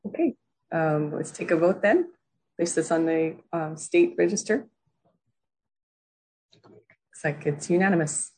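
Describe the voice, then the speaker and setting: Woman, husky low voice, brisk meeting chair, ums. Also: darkish tone, poor audio.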